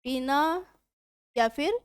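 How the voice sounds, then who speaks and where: A woman teaching a grammar lesson for exam preparation, asking her students questions and answering them herself, sounding out letters slowly. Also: high-pitched, lively intonation, clean tone, no room sound, studio quality.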